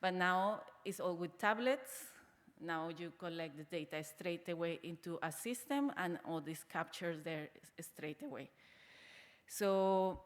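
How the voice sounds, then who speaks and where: A woman's voice: fairly low pitch, unhurried. A middle-aged woman from Colombia, speaking English as a conference speaker, hesitant with frequent fillers and restarts. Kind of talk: conference presentation. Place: conference hall. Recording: large hall with long reverb.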